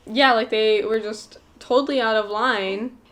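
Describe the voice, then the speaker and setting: A woman's voice: a little high, steady tone, measured pace, fairly bright tone. A woman co-hosting a podcast, reacting bluntly to a listener's email and swearing when shocked. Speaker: podcast co-host. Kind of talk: casual podcast chat.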